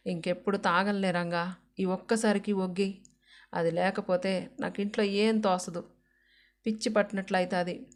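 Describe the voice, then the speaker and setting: A remorseful village husband with a drinking habit pleads and apologizes, as a woman narrator puts him on. The storybook voice stays light and mid-pitched. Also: flat delivery, moderate pace, natural voice. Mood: pleading.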